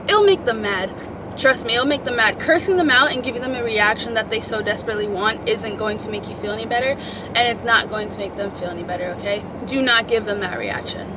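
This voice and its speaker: A young woman with a fairly high voice talks fast to her followers, offering motivational advice in an emphatic, girlfriend-to-girlfriend style. Her chatty girl-talk includes swearing and pet names, and there is background noise.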